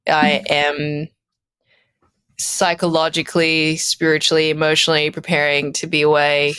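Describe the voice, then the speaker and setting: A woman in her thirties with an Australian accent chats casually as a guest on a podcast, laughing often and restarting mid-sentence. Her deep voice has little pitch movement and a moderate pace, sounding a bit bright and smooth with no room sound.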